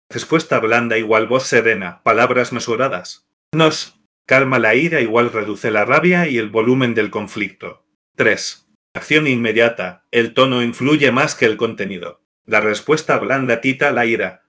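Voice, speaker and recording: Male narrator, bright forceful voice, measured scripted reading, numbered points with sharp pitch jumps. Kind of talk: scripted devotional explainer narration.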